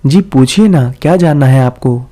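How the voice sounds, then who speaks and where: A man's voice: medium pitch, normal speed, warm tone, lightly acted. A man voicing a friendly, amused young office worker who talks in a light, teasing, polite way. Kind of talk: storybook character voice.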